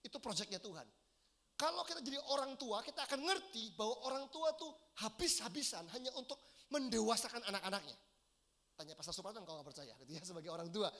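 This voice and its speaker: High-voiced bright male preacher. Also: quick pace. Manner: earnest, addresses congregation directly with questions. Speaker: pastor. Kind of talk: sermon. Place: large church hall.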